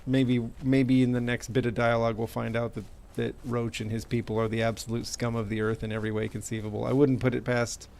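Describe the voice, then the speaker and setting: Creaky-voiced man streaming a game. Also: mid-range voice, little pitch movement, brisk, few pauses, darkish tone. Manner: self-deprecating, thinking aloud. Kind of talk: casual gameplay commentary.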